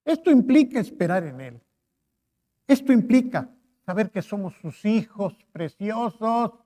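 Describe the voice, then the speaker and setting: A man's voice: high voice, animated, a little slow, mellow. A man preaching a sermon with impassioned delivery, building to fervent pleas and repeating phrases. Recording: reverberant church hall.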